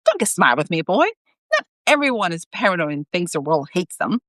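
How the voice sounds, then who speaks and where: A woman's voice: lowish voice, big pitch swings, fairly quick, no room sound. Wry bossy saint guy, woman reading him out, voice jumps all over, pretty dry sound. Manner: teasing, sharp-tongued. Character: wry, blunt male saint guiding a newcomer.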